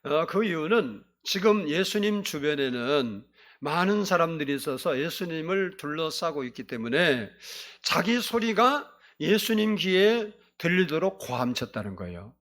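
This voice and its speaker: A man preaching a sermon from a church pulpit, his voice sitting on the higher side for a man. His delivery is emphatic and sweeps up and down in pitch. He keeps drawing the congregation into call-and-response. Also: sing-song, measured pace, a bit bright. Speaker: pastor. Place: church sanctuary.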